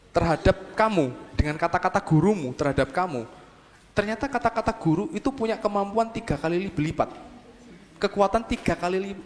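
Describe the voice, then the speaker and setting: A man with a fairly high voice speaks to a young crowd, drawing them in with constant questions and acting out quick little exchanges between people. His voice rings out with a long hall reverb. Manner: keeps asking the audience for agreement; acts out short dialogues in other voices. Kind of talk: lively talk to a youth audience.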